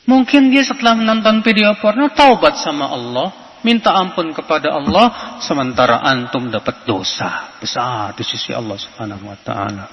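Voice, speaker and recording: A man preaching a sermon in an animated way, often asking the listeners rhetorical questions. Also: a little high, normal speed, slight background noise. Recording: muffled hall recording with long reverb.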